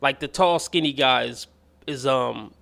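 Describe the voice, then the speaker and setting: A man's voice: medium pitch, measured pace, vocal fry, fairly bright tone. Rambling, slangy male stream host. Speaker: livestream host. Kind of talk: casual chat reacting to chat and a clip.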